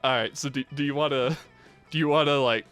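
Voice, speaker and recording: A man's voice: medium pitch, fairly even intonation, brisk, a bit bright, smooth, soft background music. A man in casual gaming chat, laughing often and guiding the others' choices. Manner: laughing, chatty, hesitant fillers.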